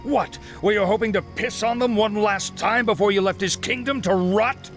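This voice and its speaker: An actor playing a righteous paladin in a fantasy video game, stern, scornful and dramatic. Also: male voice, deep voice, lively intonation, a little slow, faint music behind. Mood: indignant, scornful. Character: righteous male paladin, grave, scornful and indignant.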